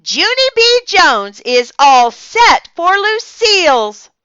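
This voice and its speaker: A woman voicing an excitable little schoolgirl who hollers and squeals at the top of her voice, on a slightly muffled dry recording. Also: extremely high pitch, takes it slowly, no room sound, pitched above the performer's own voice, full character voice. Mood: excited. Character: shrieking, excitable little schoolgirl, bossy and loud.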